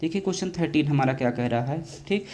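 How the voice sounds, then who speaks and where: A man teaching an exam grammar lesson, constantly asking questions and answering them himself, calling his students dear children and drawing out English words slowly. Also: a little high, lively intonation, darkish tone.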